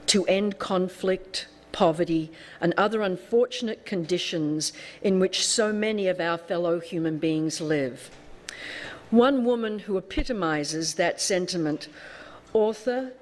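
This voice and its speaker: A woman hosting an event, formally introducing the next speaker in a ceremonial, upbeat manner in a conference hall. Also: lowish voice. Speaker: event host. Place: United Nations conference hall.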